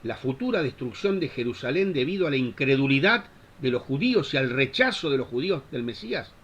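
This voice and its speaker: Male Bible teacher, preaching style, lively swinging pitch, dull muffled recording. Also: a little fast, breathy edge. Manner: impassioned, full of rhetorical questions. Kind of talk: Bible class lecture, preached.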